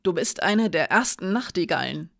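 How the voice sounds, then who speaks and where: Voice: medium pitch, animated, normal speed, gravelly, a bit bright, dry recording, studio quality. A reader voicing an indignant woman of a secret order. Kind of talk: audiobook character reading.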